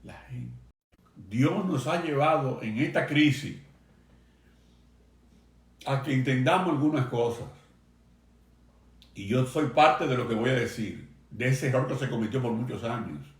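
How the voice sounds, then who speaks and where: A man pastor preaching a sermon to a remote congregation, earnest and emphatic, slowing down to stress key phrases. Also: mid-range voice, expressive, roomy sound. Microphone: video stream for a remote congregation.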